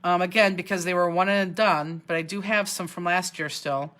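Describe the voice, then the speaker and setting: A Cleveland, Ohio woman with a local accent hosts a live craft demonstration online from her indoor studio, responding to viewers' comments as she chats. She speaks at a moderate pace in a lowish, fairly bright voice with fairly even intonation.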